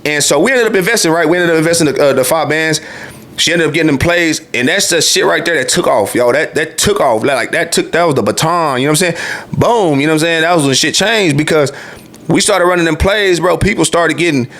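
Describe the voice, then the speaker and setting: A man's voice: a little high, a little fast, a bit bright. A man in his late twenties, a former truck driver, telling his own story in a loose, profane, casual monologue full of "you feel me.". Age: 20s.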